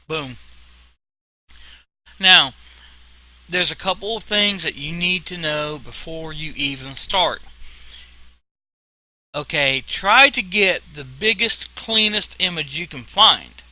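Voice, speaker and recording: A man narrates an informal screen tutorial in a very bright, sharp voice pitched a little high. His s sounds whistle, and he explains things in a casual, folksy way. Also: slow pace, pauses often, no room sound, poor audio. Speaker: software tutorial instructor.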